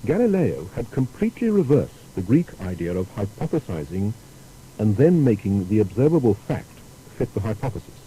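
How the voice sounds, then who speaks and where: This is scripted documentary narration from a man speaking in a measured, explanatory way, his very dark, soft voice rising and falling with lively pitch. The recording is rough and carries faint noise.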